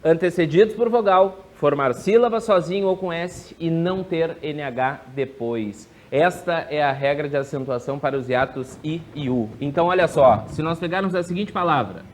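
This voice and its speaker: Brisk grammar teacher. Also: male voice, on the high side, slight background noise. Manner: drills rules with quick yes-no questions; draws out key words slowly. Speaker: exam prep teacher. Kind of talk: classroom grammar lesson.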